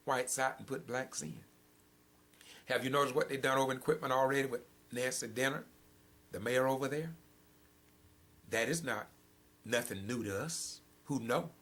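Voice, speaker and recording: Impassioned older preacher-host. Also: male voice, medium pitch, fairly even intonation, normal speed, pauses often, fairly bright tone. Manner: preachy, emphatic, rising and falling intensity. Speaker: program host. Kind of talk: impassioned spoken commentary.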